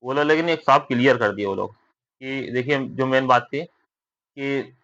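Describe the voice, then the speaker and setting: A bit bright and a little slow, this medium-pitched male voice belongs to a young vlogger sharing recruitment news with his viewers. He keeps it conversational, often checking for agreement with tag questions, and the recording is dull lo-fi.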